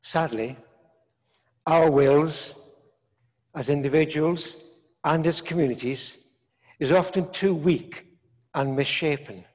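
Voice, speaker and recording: An older man, a priest, preaching a sermon in slow, measured phrases with long pauses, recorded in a large stone church. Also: fairly high pitch. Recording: echoey church from a distance.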